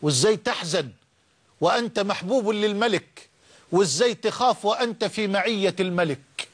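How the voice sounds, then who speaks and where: Male Egyptian preacher, high-pitched, impassioned sermon delivery with drawn-out recitation. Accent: Egyptian Arabic. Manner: impassioned, rising emphatic repetitions; slow drawn-out recitation of scripture.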